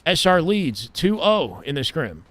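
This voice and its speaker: A man live-streaming casual game commentary, chatting with viewers and hyping their support with slang shout-outs. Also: a little high, very animated, unhurried. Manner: hype slang, thanking and welcoming viewers.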